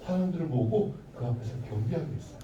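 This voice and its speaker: A man telling a bible story to children as their pastor, playful and animated, asking the kids questions as he goes. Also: fairly high pitch, racing, dull audio. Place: church hall. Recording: echoey room, mic far off.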